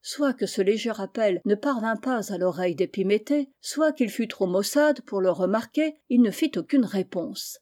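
A woman narrating a storybook in a measured, expressive reading. Her voice is warm and mellow at a middle pitch. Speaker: audiobook reader.

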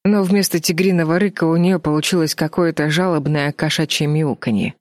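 A woman narrating a children's fantasy audiobook in a steady, expressive reading voice, recorded close. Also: low-pitched, brisk, no echo. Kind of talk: scripted storybook narration.

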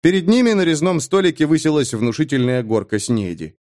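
A man reading an adventure novel aloud as narrator, with expressive, dramatic storytelling. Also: fairly high pitch, brisk, dry recording, clean studio sound. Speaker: audiobook narrator. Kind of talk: scripted narration.

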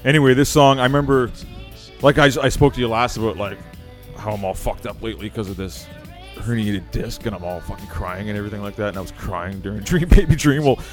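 A lower-pitched man chatting casually on a music podcast, gushing and a little rambling. His voice sits low and there is faint music playing underneath. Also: quick pace. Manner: enthusiastic, swearing, rambling. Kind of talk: casual chat.

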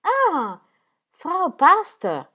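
A woman voicing a courteous, formal male country doctor in an audiobook, with slow, emphatic greetings. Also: mid-range voice, very animated, pitched above the performer's own voice.

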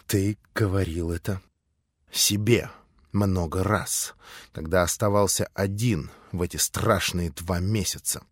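A gentle, devout young man, as a male narrator plays him speaks quietly and deliberately. He is earnest and shaken, his voice low and careful. The reading is recorded dry and close. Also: dry recording. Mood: hushed earnest.

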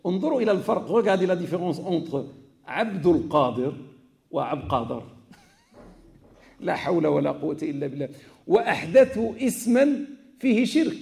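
A man's voice: sits high, creaky, mellow. A man giving a religious lesson in a mosque, careful and explanatory, stating each point and then restating it. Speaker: mosque teacher. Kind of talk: religious lecture.

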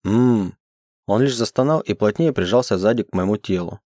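A man reading a romance audiobook as first-person narration, in a measured, expressive way. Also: lowish voice, no room sound, clean studio sound. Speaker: audiobook reader.

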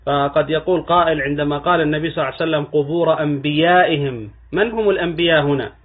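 Man giving a religious lesson, husky, kinda high voice, sounds like a thin phone recording. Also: phone-quality sound. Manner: measured teaching cadence, rising emphatically on key terms. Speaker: Islamic scholar. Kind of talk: religious lesson explaining hadith.

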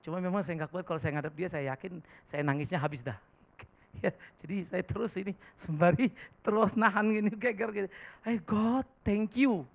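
A middle-aged male pastor preaching a sermon, telling stories in an animated way with sudden emphatic outbursts. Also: high voice, fairly quick, vocal fry. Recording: tinny phone-like recording.

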